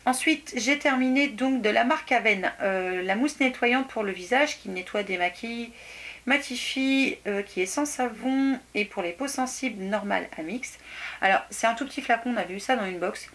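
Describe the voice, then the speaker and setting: A woman's voice: on the high side, normal speed, fairly bright tone. A young adult woman chatting casually through a beauty product review, hesitant, with many fillers and restarts. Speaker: beauty vlogger.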